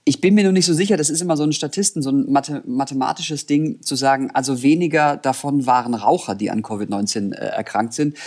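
A man co-hosting a casual chat podcast, talking in an expressive, wordy way. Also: medium pitch, fast talker, hardly any pauses, slightly rough. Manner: expressive, wordy, laughing often. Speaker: podcast co-host.

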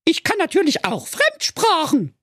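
A man voicing a cheeky, know-it-all male parrot in a comedic radio play, with a shrill, squawking manner. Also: huge pitch swings, a little slow, fairly bright tone, no echo, clean studio sound, heavily acted. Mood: snooty.

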